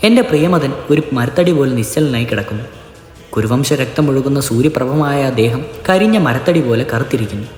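A man giving a solemn, measured scripted narration of a legend as storyteller. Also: mid-range voice, expressive, darkish tone. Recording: echoey narration with long reverb.

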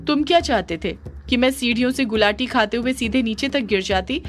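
A woman doing a pouty lovesick young girl in an audio story, clingy and stubborn, highish voice, faint music behind. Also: fairly quick, lightly acted. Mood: sulky. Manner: pleading, pouting.

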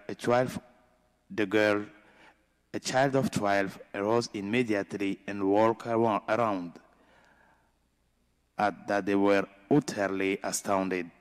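Slow, low-voiced priest in a reverberant church. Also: male voice. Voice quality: slow, deliberate delivery with pauses. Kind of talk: gospel reading and homily. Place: large church.

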